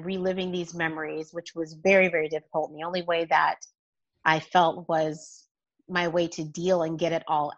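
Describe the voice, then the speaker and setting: A woman giving personal testimony as an interview guest, candid and halting in conversation. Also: lowish voice, fairly bright tone, no echo. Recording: dull, lo-fi, close dry sound.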